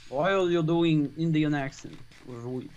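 A man playing a game alongside the host, chatting casually with relaxed, joking banter. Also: on the high side, a little slow, muffled recording. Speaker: co-player. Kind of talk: casual gameplay chat.

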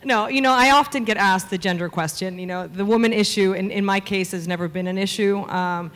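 A Venezuelan media executive in her thirties answers interview questions onstage through a handheld mic, facing a seated conference audience. Her medium-pitched voice is slightly bright and a little fast, fluent but sprinkled with frequent "um" fillers. The hall's acoustics are reverberant.

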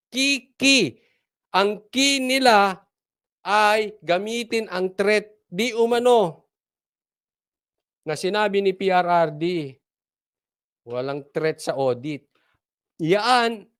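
A man hosting casual political commentary, mocking and laughing often and repeating his points for emphasis. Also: high voice.

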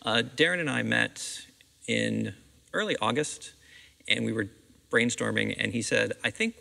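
This middle-aged American theatre director answers interview questions conversationally from a seat on the stage of an empty, echoing auditorium. He wears a clip-on lapel mic, and his mid-range voice is creaky and sharp, with a measured pace.

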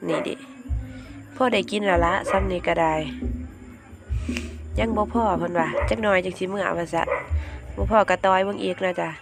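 A woman with a northeastern Thai Isan accent, chatting casually and folksily to viewers as she narrates a vlog, often ending phrases with soft polite particles. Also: mid-range voice, steady tone, moderate pace, long pauses, over music. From northeastern Thailand.

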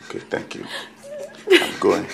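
An actor playing a teasing, flattering male family friend. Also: unhurried, slight background noise, natural voice. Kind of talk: film acting.

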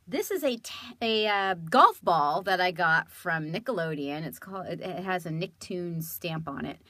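A woman's voice: fairly low pitch, normal speed, no echo. A woman in her thirties from California, a voice actress chatting casually and animatedly as she shows off keepsakes. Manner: animated, chatty, laughing often. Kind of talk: casual show-and-tell vlog.

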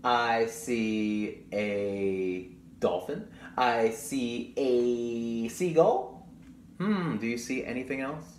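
A young man reads a picture book aloud to children, expressive and full of chatty asides to his young audience. His medium-pitched voice draws out words, and the recording has a roomy echo with audible background noise.

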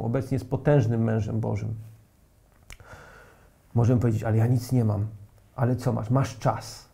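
A middle-aged man from Poland delivers a sermon with a gravelly edge and a dark, mellow tone. He drives his points home emphatically and keeps throwing rhetorical questions at his listeners. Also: mid-range voice. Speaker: preacher.

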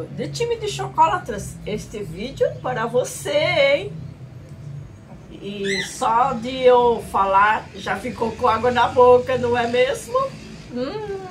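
A middle-aged Brazilian woman presenting a food tasting vlog in a playful, exclamatory way, drawing out her words. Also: fairly high pitch. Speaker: food review vlogger. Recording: clearly noisy room recording.

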